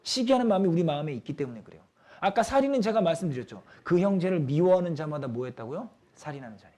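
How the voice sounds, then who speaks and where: A young adult man preaching a youth sermon, animated, acting out quoted people in lively voices. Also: fairly high pitch, very fast.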